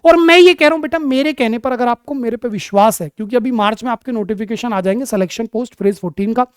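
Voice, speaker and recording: A man teaching an exam-prep English vocabulary lesson in a mix of Hindi and English. He talks to his students fondly, calling them "my child", and spells words out slowly, letter by letter. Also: very high-pitched, clear, resonant tone, dry recording, clean studio sound. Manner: affectionate, calls students "my child" and "beta".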